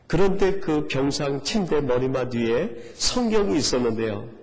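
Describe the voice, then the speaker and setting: Male pastor, mid-pitched voice, dramatic sermon delivery, reverberant hall sound. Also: lively intonation, moderate pace, a little mellow. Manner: dramatic, voices quoted prayers with rising intensity.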